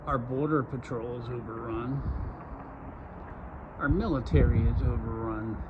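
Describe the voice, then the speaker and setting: A man from Arizona delivers a slow, emphatic outdoor vlog and hammers his points through repetition. The recording is dull and lo-fi, with loud traffic and outdoor noise behind him. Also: mid-range voice. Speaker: vlogger.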